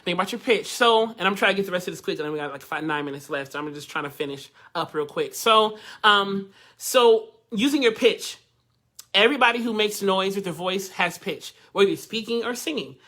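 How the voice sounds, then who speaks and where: A male voice teacher leads a live online workshop in a bright, forceful voice. He talks in a loose, chatty way, laughs often, and calls out to viewers as he teaches. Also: high voice, animated, fairly quick.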